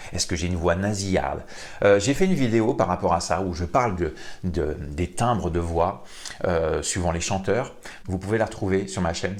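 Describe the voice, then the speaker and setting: A man who works as a vocal coach, giving an animated lesson to camera and putting questions to the viewer. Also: low-pitched. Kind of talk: teaching video to camera.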